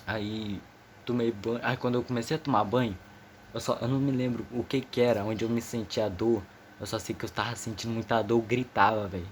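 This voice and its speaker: A man's voice: mid-range voice, fairly even intonation, brisk. Nervous teen guy, rambly slangy storytelling, faint noise behind. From Amazonas, northern Brazil. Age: teenager, 15. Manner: slangy, rambling, many restarts. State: a bit nervous. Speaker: vlogger. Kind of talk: casual personal storytelling.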